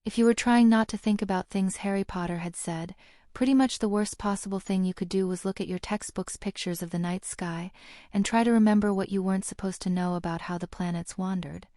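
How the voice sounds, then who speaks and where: A woman narrating a fantasy novel audiobook in a steady, even storytelling delivery. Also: medium pitch, brisk, dry recording, clean studio sound.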